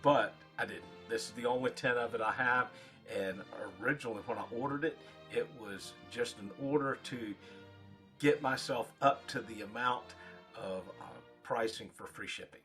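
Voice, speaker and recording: A man giving a casual, rambling product review in short, halting phrases, as a reviewer talking to his viewers. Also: mid-range voice, a bit bright, faint music behind. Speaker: pipe tobacco reviewer.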